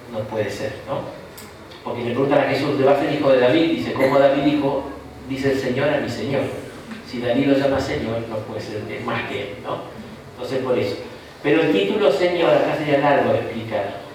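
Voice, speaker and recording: A man's voice: medium pitch, far from the mic, slight background noise. A man with an Argentine accent, a bishop giving an informal Bible class, chatty and jokey, often tagging sentences with a questioning "no?". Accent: Rioplatense Argentine Spanish. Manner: chatty and jokey, with frequent rhetorical "¿no?". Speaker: bishop teaching a Bible course. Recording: echoey room recorded from afar.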